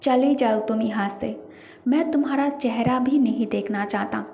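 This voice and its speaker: A woman's voice: a little high, normal speed, creaky, warm tone, faint music behind. A woman voicing a stern, angry older brother who gives curt commands. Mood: cold. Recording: echoey reverberant room.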